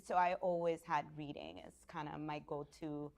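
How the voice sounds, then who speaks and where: A woman from the Dominican Republic, a native Spanish speaker, chatting as a guest in a casual interview, laughing often and pausing with many ums. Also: low voice, fairly even intonation, darkish tone.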